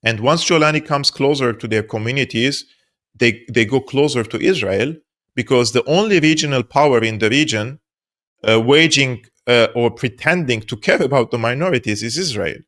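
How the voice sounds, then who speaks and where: A man's voice: mid-range voice, moderate pace, a bit bright. Earnest man from Syria explaining. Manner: earnest, explanatory, repeats points for emphasis. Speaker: political analyst guest. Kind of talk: interview answers.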